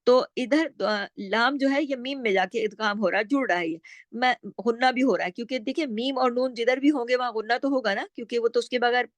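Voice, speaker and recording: A woman's voice: on the high side, no echo. Patient woman teaching Quran recitation. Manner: patient, explains step by step, asks and answers her own questions; draws out Arabic words slowly when reciting. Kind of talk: tajweed lesson with slow recitation.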